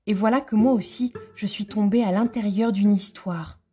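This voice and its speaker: A woman's voice: mid-range voice, steady tone, normal speed, dark tone, close to an everyday voice. Alice, a puzzled young girl, read by a woman. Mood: musing. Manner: wondering, musing aloud. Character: curious young girl, puzzled, talking to herself.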